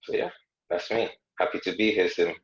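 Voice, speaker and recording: A man's voice: low voice, steady tone, brisk. Joking man guest on echoey lo-fi audio. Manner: joking, self-deprecating, chatty with restarts. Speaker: podcast guest, coach. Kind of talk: podcast conversation.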